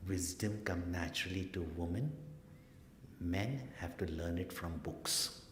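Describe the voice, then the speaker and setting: A man telling a story in a spiritual discourse, acting out the people he quotes and dropping to a hush for suspense. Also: deep voice, unhurried. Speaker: spiritual teacher. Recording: echoey hall, faint noise.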